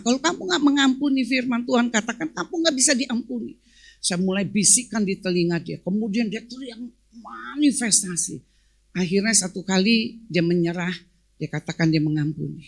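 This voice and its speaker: A woman pastor preaching a sermon at a church service. She tells a testimony and keeps calling the congregation "saudara," swinging between loud emphasis and hushed asides. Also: sits high.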